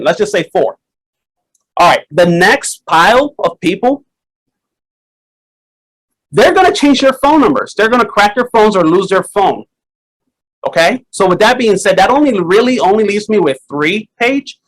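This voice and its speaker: High-voiced male sales coach, lively and animated, talks straight to the room. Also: poor audio. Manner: energetic, animated coaching, addresses audience as y'all. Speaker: insurance sales trainer. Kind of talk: sales training talk.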